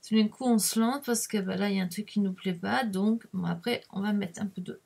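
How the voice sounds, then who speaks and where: Middle-aged woman, French accent, gravelly husky voice, unhurried chatty craft tutorial. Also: medium pitch, fairly even intonation, darkish tone. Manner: chatty, self-deprecating, jokey, many fillers like "hein". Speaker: craft video host. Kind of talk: casual crafting tutorial talk. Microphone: webcam mic at the desk.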